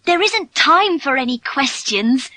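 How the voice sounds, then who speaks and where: A worried, brave young girl with a British English accent, as a woman reader puts her on. Her voice sits high and bright, and it leaps up and down as she speaks. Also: sing-song, unhurried, dry recording, exaggerated voice. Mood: excited. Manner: raised, eager girlish voice.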